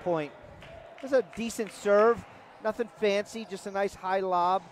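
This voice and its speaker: Chatty commentator with a New York accent. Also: male voice, sits high, steady tone, measured pace, some chatter behind, a little hiss or hum. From New York area. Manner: chatty, laughing easily, explaining plays. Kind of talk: live sports commentary.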